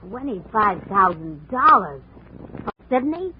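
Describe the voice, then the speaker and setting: Brassy, hard-boiled boxer's wife. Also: female voice, medium pitch, very animated, a little slow. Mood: blasé, amused. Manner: brassy, slangy, cynical. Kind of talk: 1950s radio detective drama acting. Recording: muffled, noisy 1950 radio recording.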